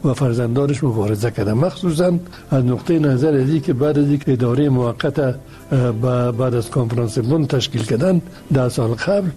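A man's voice: medium pitch, mellow, faint music behind. A male guest, answering an interview question earnestly and hesitantly, with frequent restarts.

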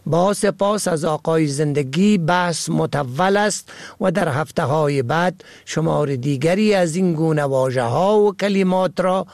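A male radio presenter delivers a scripted segment in a formal, measured manner. His voice sits high and has a gravelly texture. The recording is dry and close, with no room sound. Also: dry recording. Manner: measured, formal, spelling out words slowly.

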